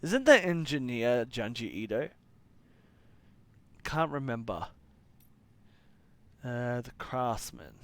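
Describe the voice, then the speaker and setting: A man's voice: medium pitch, very animated, slow, long pauses, smooth. A young man from Australia who streams games, reading in-game text aloud and tossing in offhand, sardonic asides with casual swearing.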